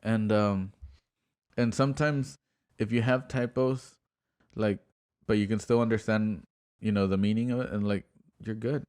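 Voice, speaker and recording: A man's voice: on the low side, steady tone, normal speed, a little mellow, smooth. A man hosting a casual podcast chat, rambling with many restarts. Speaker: podcast host.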